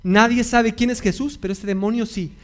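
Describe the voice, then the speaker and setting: A man's voice: high voice, steady tone, normal speed. A male pastor preaching a sermon, repeating key phrases and putting questions to his congregation.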